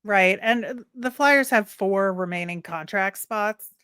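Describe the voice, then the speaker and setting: A woman's voice: mid-range voice, measured pace, fairly bright tone, smooth, no room sound, clean studio sound. A woman co-hosting a sports podcast, chatting casually and thinking aloud with plenty of fillers. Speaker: podcast co-host.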